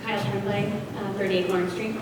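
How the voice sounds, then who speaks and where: A woman who works as a social worker makes an earnest public comment at a town meeting held in a school gym, saying "um" often. Her mid-range voice is flat and fairly quick, picked up by a standing floor mic and a distant camera, so the hall sounds echoey, far off and noisy.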